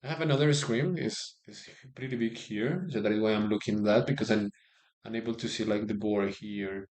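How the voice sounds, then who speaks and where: A man giving informal live chess stream commentary, excitable and often repeating phrases for emphasis. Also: lowish voice, brisk.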